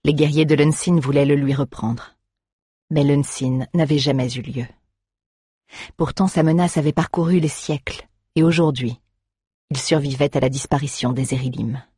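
A narrator reads a fantasy novel in a measured, steady way. The voice is husky and breathy, with a middling pitch. It is recorded close and dry. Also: no room sound. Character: calm ironic male druid. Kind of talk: audiobook narration.

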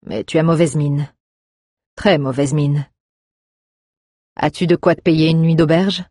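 A woman voicing a male town guard captain who speaks calmly and firmly, stern but kind. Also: sits low, unhurried, dry recording, clean studio sound. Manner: calm, firm.

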